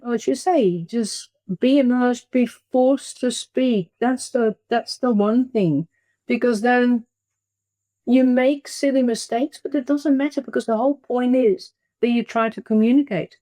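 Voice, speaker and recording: This interview guest is an older woman and emerita professor of biology, speaking English, her second language, in a conversational way. Her voice is fairly high and mellow, recorded dry.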